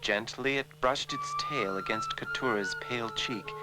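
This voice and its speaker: A man narrating a scripted fairy tale as a measured storyteller. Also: medium pitch, huge pitch swings, very noisy.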